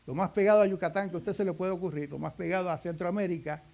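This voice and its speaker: A Cuban man delivers a sermon in a folksy storytelling style, slipping in humorous asides. His voice sits on the higher side for a man. He keeps a conversational, anecdotal manner throughout. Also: fairly even intonation, quick pace, gravelly, a little mellow. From Cuba. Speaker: preacher.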